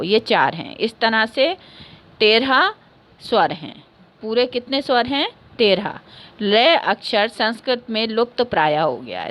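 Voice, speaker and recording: A woman's voice: mid-range voice, fairly bright tone. A woman, a teacher explaining a lesson patiently, repeating key points and answering her own questions. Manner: ends points with a checking "okay". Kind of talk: classroom lesson.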